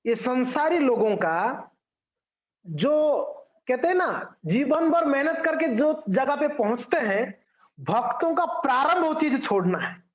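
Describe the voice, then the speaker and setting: Animated male preacher in echoey room. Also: extremely high pitch, slow. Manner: storytelling, animated, addresses listeners directly. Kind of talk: sermon. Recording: echoey room, dull sound.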